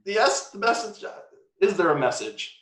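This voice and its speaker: Man, casual chat, rambling, lots of fillers, bright tone, echoey room. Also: high-pitched, sing-song, normal speed. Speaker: scientist discussing movies.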